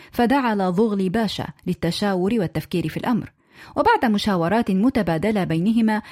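A female radio presenter reading listeners' contributions aloud in a clear, measured way. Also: mid-range voice, darkish tone.

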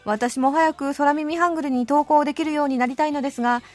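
A woman in her late thirties hosting a radio show, reading listener letters and answering them in a cheerful, animated chat. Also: high-pitched, fast talker, faint music behind. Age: late 30s. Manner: cheerful, animated, laughing often. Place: radio studio.

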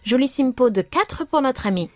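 A woman reads listener reports as a radio host. Her voice sits high and swings widely in melody through the scripted lines. The recording is dry, with no room around her. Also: animated, normal speed, darkish tone, no room sound.

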